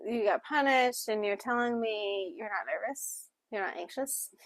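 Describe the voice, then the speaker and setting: A woman co-hosting a casual book club discussion, talking in an expressive, chatty way while also voicing interpreted signing. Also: fairly high pitch, measured pace, dry recording. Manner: expressive, chatty, with frequent fillers.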